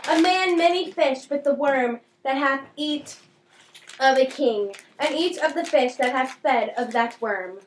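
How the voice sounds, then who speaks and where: In an amateur Shakespeare puppet show, a woman voices a mocking, riddling young prince, declaiming old verse with a darkly taunting edge. Her voice is high and her pace measured. The room recording is echoey, distant, and faintly noisy.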